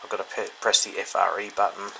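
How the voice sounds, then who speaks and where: Talking fast in a low, flat voice, an Australian radio hobbyist reviews a product without a script, thinking aloud informally and hesitantly. He's indoors in a room at home, and the recording carries clear background noise.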